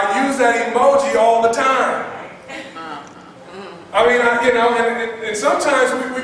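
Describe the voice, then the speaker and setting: A fairly high-pitched man preaching as a pastor, upbeat and conversational, stacking repeated words for emphasis and tossing questions to the congregation. He sounds distant from the mic, his voice ringing through a very echoey church hall with a long tail of reverb and faint noise underneath. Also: a bit bright. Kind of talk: sermon.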